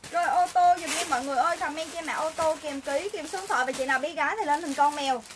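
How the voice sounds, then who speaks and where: A woman hosting a live stream sale, briskly and repetitively calling for orders. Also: high-pitched, noisy background. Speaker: livestream seller. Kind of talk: fast sales pitch on a live stream.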